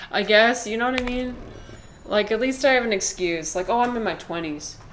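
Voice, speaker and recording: This twenty-something woman streams herself playing a video game, talking casually with viewers, rambling on, cursing freely, and responding to the chat. Her voice is on the high side and fairly bright, at a normal speed, with a slight hiss or hum.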